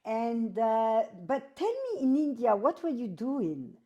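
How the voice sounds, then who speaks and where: A woman hosting an interview, chatty and a little halting, with non-native phrasing. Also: on the high side, lively intonation, warm tone, dull audio. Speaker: host. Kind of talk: casual interview conversation.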